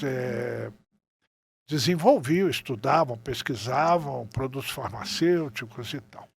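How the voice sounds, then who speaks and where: Mid-range with vocal fry, this man's voice belongs to a seventies-aged journalist and writer from Rio de Janeiro. Interviewed casually on a podcast, he tells reminiscing stories conversationally, frequently checking in with "né".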